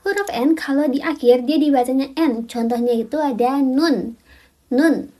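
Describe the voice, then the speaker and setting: A woman giving a casual video lesson on reading Korean. She talks in a chatty way, repeats each example word slowly and clearly, and gives viewers playful little orders. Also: high voice, dark tone. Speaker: Korean language teacher.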